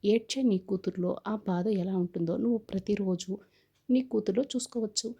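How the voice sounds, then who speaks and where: A woman's voice: mid-range voice, fairly even intonation, normal speed, warm tone, slightly rough. A woman reading the lines of a proud, defiant young man who calls off his wedding, in a scornful, lecturing way.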